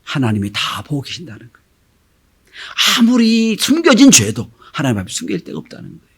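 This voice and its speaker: This middle-aged pastor's voice is husky and on the high side, and he speaks a little fast. Animated as he tells stories in his sermon, he acts out each person's voice and at times lowers to a whisper for emphasis.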